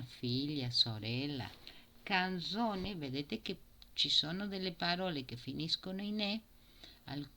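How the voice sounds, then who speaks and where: Woman, unhurried recorded language lesson, low voice. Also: fairly bright tone. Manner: slow, explanatory, mixing Italian and Spanish. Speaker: Italian teacher. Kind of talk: recorded grammar lesson for Spanish speakers.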